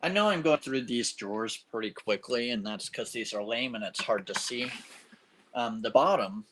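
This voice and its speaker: A man's voice: medium pitch, moderate pace, a bit bright, slight background noise. A young man in his own game room, rambling with lots of ums as he shows his gear to a phone camera. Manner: rambling, many ums and uhs. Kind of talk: casual show-and-tell.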